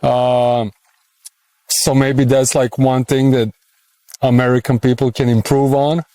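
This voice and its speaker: Man, 30s, Serbian accent, smooth resonant voice, dry close sound, hesitant conversational interviewee. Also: mid-range voice, flat delivery, unhurried, warm tone, no room sound. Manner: hesitant, many fillers, thinks aloud. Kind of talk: casual street interview.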